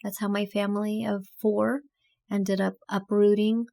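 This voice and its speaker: A woman in her thirties from Azerbaijan, telling her story in a reflective interview with measured, deliberate phrasing. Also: mid-range voice, little pitch movement, creaky, mellow. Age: 30s. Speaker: podcast guest, author and entrepreneur.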